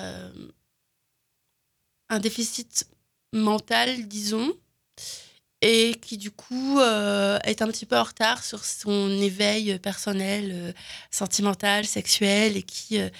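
Hesitant woman with a creaky voice. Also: medium pitch. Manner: hesitant, many fillers and restarts. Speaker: film recommendation guest. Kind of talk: casual radio film chat.

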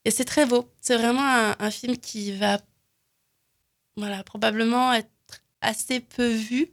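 A woman's voice: a little high, steady tone, a little slow. A woman recommending films in casual chat, talking with many fillers and restarts. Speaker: film recommendation guest. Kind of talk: casual radio film chat.

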